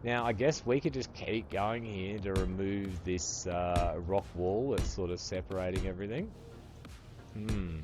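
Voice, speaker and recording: A man's voice: deep voice, a little slow, background noise. A man around fifty, chatting casually with viewers while he plays a game, swearing freely and calling them brother. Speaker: streamer. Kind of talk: casual live-stream chat while gaming. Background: faint music.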